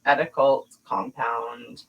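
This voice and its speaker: A woman's voice: extremely low pitch, fairly even intonation, slow, gravelly, highs cut off, over a noisy crowd. A woman hosting a podcast, talking bluntly in a casual chat, swearing freely and laughing often. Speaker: podcast host.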